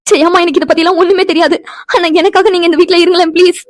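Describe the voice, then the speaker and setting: An earnest young woman in a cartoon story, voiced by a woman, who begs with urgency. Her voice is very high and quick. The recording is dry and close. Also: steady tone, dry recording. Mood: pleading. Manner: pleading, begging, earnest. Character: young woman Pavithra, desperate and pleading. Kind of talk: cartoon voice acting.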